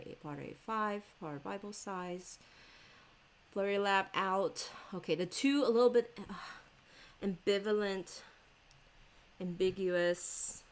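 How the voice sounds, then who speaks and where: A stationery vlogger whose first language is Chinese chats casually and rambles as she shows off her planners, laughing often. Her voice has a fairly low pitch, with slight background noise.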